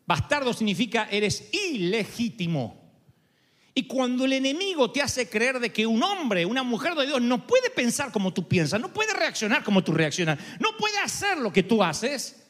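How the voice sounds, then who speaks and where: A male pastor preaches in a high, sweeping voice that leaps up and down, pressing his listeners with rhetorical questions. His words carry a long reverb from a church hall. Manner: lively, rhetorical, asks the audience questions. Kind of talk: sermon.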